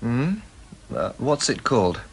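A man's voice: medium pitch, lively intonation, very slow, vocal fry, breathy edge, exaggerated voice. A man playing a learner in a scripted dialogue for a language course.

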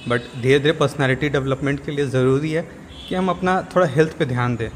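A young man, a gym member, explaining things on camera in a steady, instructive way, mixing English words into his talk, recorded on a lapel mic in an indoor gym. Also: medium pitch, brisk. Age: young adult. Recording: reverberant gym with faint ambient noise.

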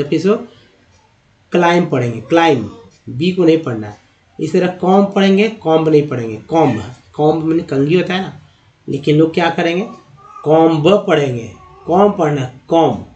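A man's voice: on the high side, lively intonation, a little fast, a little mellow, dull audio. A middle-aged man teaching English pronunciation as a lesson, repeating words and answering his own questions. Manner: repetitive, drilling, asks and answers own questions. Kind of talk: classroom-style lesson on pronunciation.

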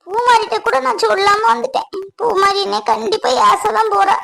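A woman playing an anxious young wife who has run away from home, speaking softly and pleadingly. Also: extremely high pitch, fairly even intonation, moderate pace, creaky, heavily acted, rough recording. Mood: worried. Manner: worried, pleading, soft. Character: anxious young runaway wife, self-blaming. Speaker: actor. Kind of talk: family comedy-drama acting.

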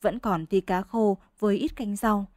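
A woman narrates a village short story in a steady, mid-pitched voice. The sound is dry and close, with no room echo. A bedtime radio-style story reading. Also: normal speed.

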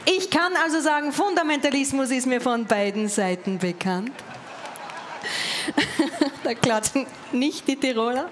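A woman's voice: high voice, a little hiss or hum. Ironic Viennese woman cabaret performer. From Vienna, Austria. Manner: ironic, quick-witted. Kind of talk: stand-up cabaret. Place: large open-air stage at night. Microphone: headset. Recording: open-air stage, crowd ambience.

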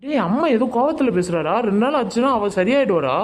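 A woman voicing an easygoing village father in an animated family comedy-drama, coaxing and arguing with his wife to defend their son. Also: a little high, fast.

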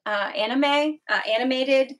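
A woman's voice: high voice, a little slow. A woman guest on a knitting podcast, chatting in an easygoing, friendly way and laughing often. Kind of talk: casual chat.

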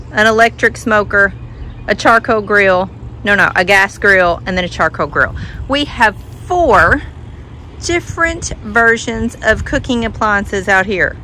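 A woman's voice: sharp tone, a little hiss or hum, poor audio. A woman, chatting casually through a home tour vlog, filmed on a phone at arm's length outside on a patio and inside her house. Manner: chatty, talks to her dog in a high sing-song voice. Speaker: vlogger. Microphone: phone held at arm's length.

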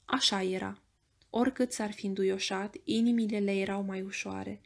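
A woman with a Romanian accent reading an audiobook in a measured storytelling voice. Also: medium pitch, steady tone, creaky, darkish tone. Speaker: audiobook narrator.

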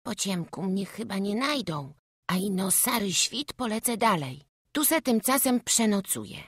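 A woman's voice: mid-range voice, very animated, measured pace, slightly rough, dry recording, studio quality, pitched above the performer's own voice. A woman reading an audiobook voices a small frightened peasant boy with a childish lisp. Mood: hopeful. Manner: childish lisping speech, anxious.

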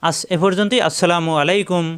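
High-voiced, clear male Quran tutor. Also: steady tone, fairly bright tone. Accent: Bangladeshi Bengali. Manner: slow, repeats syllables for drilling. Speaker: Quran pronunciation teacher. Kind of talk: step-by-step recitation lesson.

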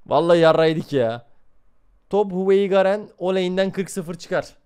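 Excitable, foul-mouthed young male streamer. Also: high-pitched, normal speed, smooth. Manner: excitable, swears constantly, talks to chat. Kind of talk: live gameplay commentary.

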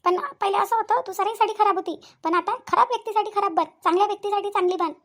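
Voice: extremely high pitch, fairly even intonation, fairly bright tone. A voice actor playing an older village aunt with a Vidarbha Marathi accent who gives firm, repetitive advice in a cartoon. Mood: urging. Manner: preachy, repeats points, fast. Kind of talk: cartoon voice acting.

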